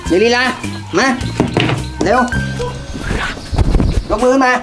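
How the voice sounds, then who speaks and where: A man's voice: very high-pitched, expressive, slow pace, exaggerated voice. A young man playing a friend who coaches a village girl in singing, giving orders in a bossy, pushy way. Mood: bossy, urging. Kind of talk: short drama acting. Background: loud music.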